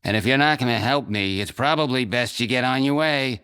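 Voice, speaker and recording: A man voicing a feisty, gruff female goblin mechanic in a storybook reading, with a snappish, defiant manner. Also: medium pitch, fairly quick, sharp tone, voice pushed up, close to an everyday voice. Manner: snappish and defiant, turning to frightened pleading.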